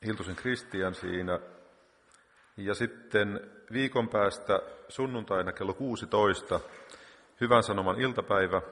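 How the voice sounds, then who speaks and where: In a church hall with long reverb, a man with a fairly low, fairly bright voice leads a meeting. He prays aloud spontaneously, constantly repeating "Lord" between phrases, then gives the week's announcements.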